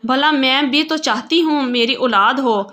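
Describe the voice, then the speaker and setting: A heartbroken young wife pleads tearfully, as a woman narrator reads her part. Her voice is bright and fairly high. The story is read aloud. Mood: tearful pleading.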